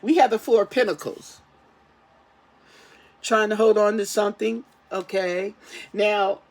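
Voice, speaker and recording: A tarot reader talking casually to camera while getting over an illness, halting and repetitive, often tagging phrases with a questioning check-in. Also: medium pitch, fairly even intonation. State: recovering from an ear infection. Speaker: tarot reader, channel host.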